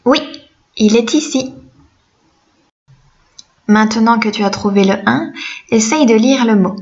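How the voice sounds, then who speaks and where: A woman teaching a reading lesson to young children, slow, gentle and encouraging. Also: fairly high pitch, dull audio.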